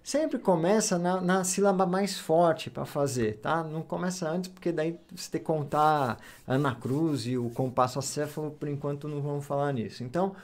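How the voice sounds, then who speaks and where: A man's voice: a little high, normal speed, hardly any pauses. A man teaching music theory, explaining patiently step by step, counting beats aloud and checking in with short questions.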